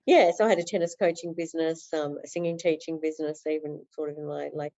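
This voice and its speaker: A woman's voice: deep voice, steady tone, fast, dark tone, highs cut off. A woman talking earnestly as a podcast guest in a flowing interview, with many fillers. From Australia. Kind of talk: interview conversation.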